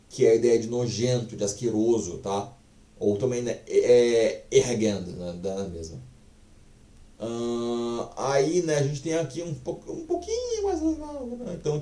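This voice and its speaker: A man's voice: mid-range voice, dark tone, reverberant, recorded from a distance. A man teaching a casual online language lesson, chatty and profane, full of fillers.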